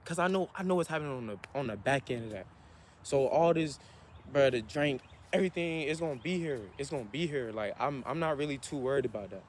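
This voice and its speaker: Fast and animated, this twenties-age vlogger speaks in an ordinary middle-range voice about bettering himself, earnestly cycling back over what he's said to motivate himself. Passing traffic hums faintly amid outdoor ambience.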